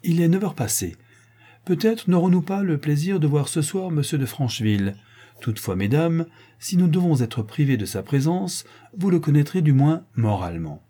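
A man reading the part of an eloquent, composed young gentleman host in a storybook reading. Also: a little high, animated, moderate pace, slightly rough, pitched above the performer's own voice.

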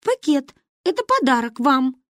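A woman voicing a shy, nervous little girl who speaks in a timid, earnest squeak. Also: big pitch swings, measured pace, no echo, clean studio sound.

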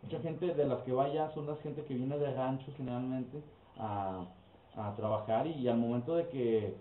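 A man's voice: mid-range voice, normal speed, reverberant, a little hiss or hum. Mexican man telling a story, tinny sound. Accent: Mexican Spanish. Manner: storytelling with acted quotes. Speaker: podcast co-host. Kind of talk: casual chat. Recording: boxy tinny lo-fi podcast audio.

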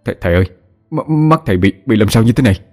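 A man's voice: fairly low pitch, expressive, very fast, warm tone, faint music behind. A man voicing a frightened young man who stammers.

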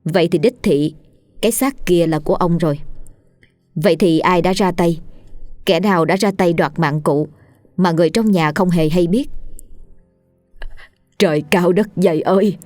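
A woman with a low voice tells a ghost story in a steady, dramatic way. The recording is dry and close, with soft music running underneath. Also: normal speed, no echo. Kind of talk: scripted ghost story narration. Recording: dry studio voice with faint music.

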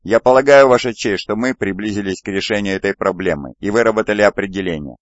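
A man's voice: on the low side, fast talker, dry recording, dull audio, lightly acted. A man reading a courteous navy captain. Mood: formal. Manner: courteous formal address. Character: polite formal male space navy captain.

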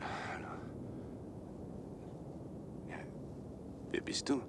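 In a science-fiction radio drama, a male actor whispers as an awkward, earnest young biochemistry student, drawing out his words. His delivery is hesitant and apologetic, with a gentle, cautious mood.

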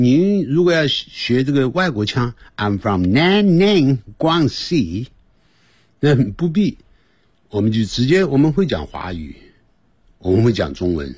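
A low-voiced man with a husky, breathy tone runs a radio English lesson. He takes his time and explains each phrase, and his pitch rises and falls a lot. The studio sound is dry. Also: darkish tone, dry recording. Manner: explains slowly, mixing English and Chinese. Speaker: English teacher.

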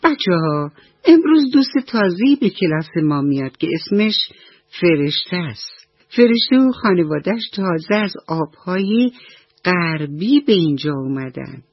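A woman voicing a gentle female octopus teacher who talks patiently to her fish pupils. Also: lowish voice, sing-song, husky, dry recording, dull audio, exaggerated voice. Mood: kind. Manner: warm, patient, coaxing.

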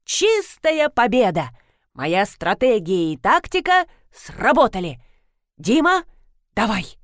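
A woman reading an audiobook, voicing an excitable, bossy older mother-in-law who gives commands. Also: measured pace, no room sound, studio quality. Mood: shrill alarm. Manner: commanding, shrill when alarmed.

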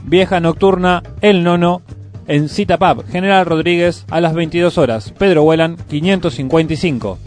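With a Rioplatense Argentine accent, a man hosts a radio show, reading scripted music news and event listings over a music bed. His voice is a little high and moves at a moderate pace.

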